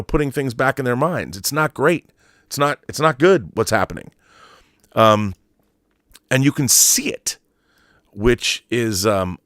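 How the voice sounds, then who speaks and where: This is an American man's mid-range, fairly bright voice, captured in a clean, dry studio recording. As a livestream host, he goes through viewer comments in a rambling, opinionated, casual way, hammering points home by repeating phrases.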